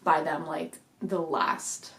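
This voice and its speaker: A woman's voice: low voice, slow, a bit bright, echoey room. A young woman chatting casually to camera in a rambling home vlog, a little out of breath, with lots of fillers. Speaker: vlogger. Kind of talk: casual pregnancy update vlog. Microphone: desk microphone.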